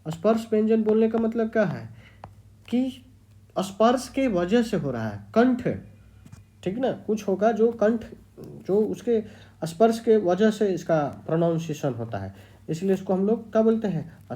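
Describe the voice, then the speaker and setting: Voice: medium pitch, very animated, a little slow, dark tone. A teacher giving an exam-prep grammar lecture, repeating key terms and quizzing the students.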